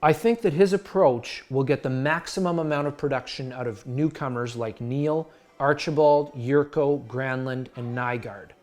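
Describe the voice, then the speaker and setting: A man's voice: medium pitch, moderate pace, hardly any pauses, a little mellow. A man in his thirties, a sports blogger, talking through a season preview in a scripted vlog, earnest and story-driven with a dash of self-mockery.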